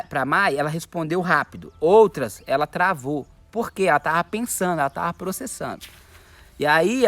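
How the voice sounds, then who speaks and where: Lively Brazilian man coaching. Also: a little high, no room sound. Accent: Brazilian Portuguese. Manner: animated, quotes others in asides. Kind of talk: motivational talk.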